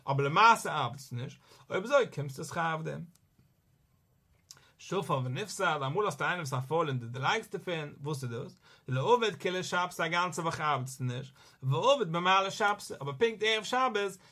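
A man's voice: high voice, sharp tone. A man giving a Torah lesson in a sing-song study cadence, quoting verses as he goes. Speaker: religious teacher.

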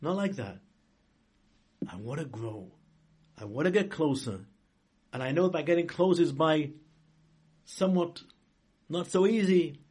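A man speaking as a rabbi in an informal sermon, halting and rephrasing as he goes, with emphatic stresses. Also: on the high side, animated, a little mellow, slightly rough. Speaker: rabbi giving a religious talk. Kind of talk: informal sermon, inspirational religious lesson.

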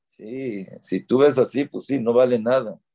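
A man's voice: medium pitch, a little slow, creaky, warm tone. A man teaching a religious lecture, stressing his points by repeating key words. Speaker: Torah teacher. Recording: dull lo-fi recording.

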